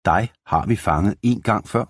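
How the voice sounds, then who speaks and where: Man voicing a quiet, serious cowboy boy. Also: on the low side, husky, dry recording, clean studio sound, voice pushed up.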